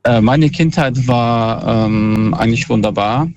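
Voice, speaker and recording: A man's voice: mid-range voice, a little slow, a little mellow, faint music behind. A man calling in over a phone line, telling his story in a casual, hesitant way with many fillers and restarts. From northern Bavaria. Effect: phoned in over a dull, lo-fi phone line. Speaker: caller.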